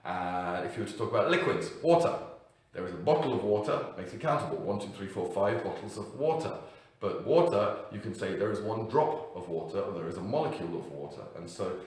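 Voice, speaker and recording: A man's voice: lowish voice, lively intonation, fairly quick. A man explaining English grammar to learners, talking off the cuff and stressing each example word. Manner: unscripted, with fillers and self-corrections, emphatic on example words. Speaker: English teacher. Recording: echoey room, mic at a distance.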